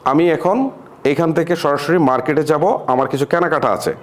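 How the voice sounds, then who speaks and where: Male tech tutorial host, slightly high voice, casual screen-recording chat that mixes in English words. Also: normal speed. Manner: chatty, keeps saying "see" to viewers, mixes in English words.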